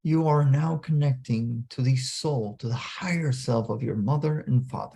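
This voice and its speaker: A man guides a meditation as a seminar leader, very slowly and deliberately. His voice is husky and mellow, and he leaves pauses between short phrases. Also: medium pitch. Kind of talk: slow guided meditation and invocation.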